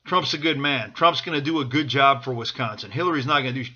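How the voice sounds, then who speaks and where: A man's voice: mid-range voice, fast, sharp tone, muffled recording. A man from the United States giving an impassioned off-the-cuff pep talk as a political supporter, urging listeners on and repeating his phrases. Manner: urgent, exhorting, repeating phrases.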